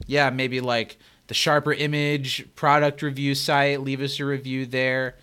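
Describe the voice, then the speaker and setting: A man's voice: mid-range voice, flat delivery, measured pace, sharp tone, clean tone. A man co-hosting a podcast in a casual, chatty style. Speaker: podcast co-host. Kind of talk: casual chat.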